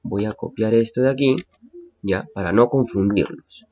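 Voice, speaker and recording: Husky male teacher, patient and repetitive. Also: on the low side, moderate pace, warm tone, muffled recording. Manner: patient, repeats and checks with "¿bien?". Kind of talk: phonetics lesson for students.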